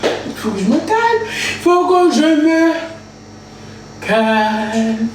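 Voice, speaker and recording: A woman's voice: high-pitched, sing-song, extremely slow. A woman hosting a casual livestream from her home kitchen, playful, singing and chanting to herself while she cooks. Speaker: livestream host. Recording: echoey room with noise.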